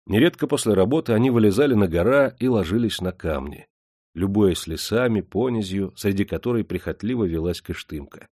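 A male audiobook narrator reads in a steady, measured storytelling manner. His voice is very deep, and the recording is close and completely dry. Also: dry recording. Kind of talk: scripted narration.

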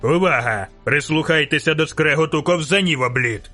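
A man voicing a cold, calm male officer who speaks in a measured way in an audiobook. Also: on the high side, soft background music.

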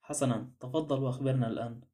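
A man's voice: medium pitch, fast, mellow, lightly acted. A man voicing a blunt, suspicious male former detective in an audiobook drama, pressing others with pointed questions. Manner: blunt, probing.

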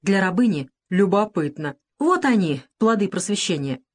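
A woman's voice: medium pitch, expressive, moderate pace, breathy edge. Woman voicing a cruel, sarcastic plantation master. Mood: domineering. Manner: harsh, commanding, sarcastic. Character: domineering male plantation owner, cruel and mocking. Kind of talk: audiobook character reading.

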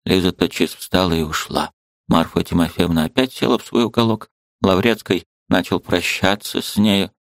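Low-voiced male audiobook narrator. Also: no room sound. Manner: measured, even storytelling. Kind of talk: audiobook reading of a classic novel.

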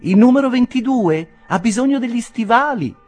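A man doing a high, coaxing young inn maid. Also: lively intonation, normal speed, a little mellow, faint music behind. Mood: calling. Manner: coaxing, insistent.

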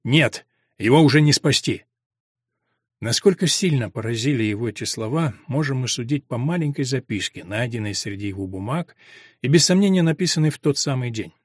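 Measured male audiobook narrator, dry sound. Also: mid-range voice, breathy edge, no room sound. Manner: measured, expressive reading. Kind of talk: scripted literary narration.

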